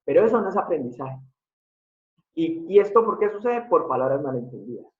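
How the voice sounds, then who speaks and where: A man's voice: fairly high pitch, big pitch swings, a little fast. A man giving a live online lecture, explaining step by step and often putting questions to his audience. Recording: tinny phone-like sound in an echoey room.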